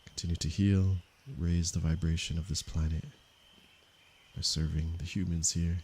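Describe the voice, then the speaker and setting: A man from Canada, a meditation teacher, speaking softly and unhurriedly to viewers of his livestream. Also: low voice, little pitch movement, slight background noise. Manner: slow, soft-spoken and unhurried, with pauses. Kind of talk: calm livestream talk to viewers.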